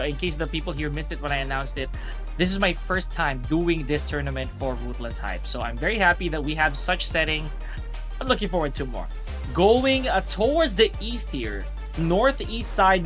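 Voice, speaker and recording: A man's voice: fairly high pitch, a bit bright. A man giving live esports commentary with wordy, formal phrasing. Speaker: esports caster.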